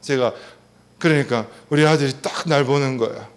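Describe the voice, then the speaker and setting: A man's voice: mid-range voice, moderate pace. A middle-aged man giving a family seminar lecture, telling personal stories with animation and putting questions to the audience.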